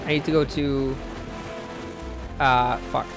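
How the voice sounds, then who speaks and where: A man's voice: medium pitch, little pitch movement, takes it slowly, vocal fry. A young man streaming a game, rambling in casual chat and swearing freely. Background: game music.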